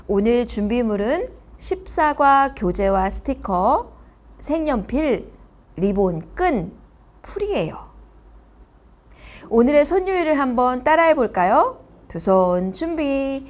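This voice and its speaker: Slow, sing-song woman teaching little children. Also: fairly high pitch, a little mellow. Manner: sing-song, slow, simple speech aimed at small children. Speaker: Sunday school craft teacher for toddlers. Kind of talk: children's craft lesson narration.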